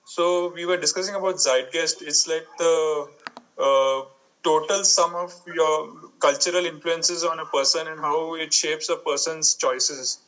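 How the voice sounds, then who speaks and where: Male host, bright tone, casual and halting. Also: fairly high pitch, steady tone, poor audio. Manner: hesitant, explaining with fillers. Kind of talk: casual group conversation.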